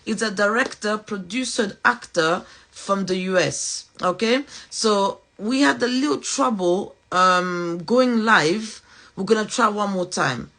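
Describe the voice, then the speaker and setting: A woman from Portugal with a French accent hosts a live podcast interview, chatty and upbeat, with many fillers and restarts. Her mid-range voice is bright and forceful, pacing a little slowly.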